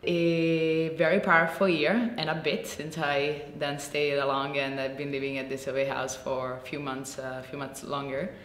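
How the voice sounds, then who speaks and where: A woman in her thirties from Italy, answering interview questions with many pauses and restarts. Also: little pitch movement. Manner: hesitant, many fillers and restarts. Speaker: program alumna. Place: indoor room with shuttered window. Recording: echoey room with faint rumble.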